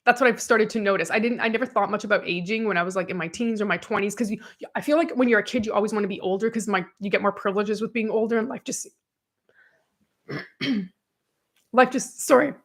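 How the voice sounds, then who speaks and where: A woman in her thirties co-hosting a podcast, chatting casually and reading viewer comments aloud, animated and quick to laugh. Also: mid-range voice. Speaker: podcast co-host.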